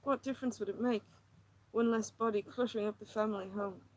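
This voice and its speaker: A woman reading aloud, voicing an anxious, troubled housewife who rambles and pleads, her voice often climbing high. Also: fairly even intonation, quick pace, slight background noise, natural voice, low-quality recording. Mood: agitated.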